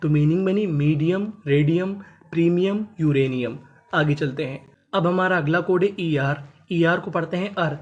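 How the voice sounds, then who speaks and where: An English teacher giving a scripted phonics lesson, spelling words out letter by letter and repeating each one slowly. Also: medium pitch, highs cut off. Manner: repetitive, drawn-out teaching cadence.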